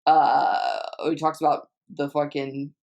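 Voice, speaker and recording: A woman's voice: sits low, level tone, slow, gravelly, a little mellow, lo-fi sound. Rambling, foul-mouthed young woman vlogger. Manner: rambling, swears a lot, trails off and restarts. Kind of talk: casual chat answering viewer questions.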